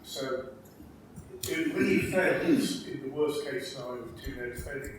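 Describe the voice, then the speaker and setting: Male audience member, deliberate questions, far off, noisy echoey hall. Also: mid-range voice, steady tone.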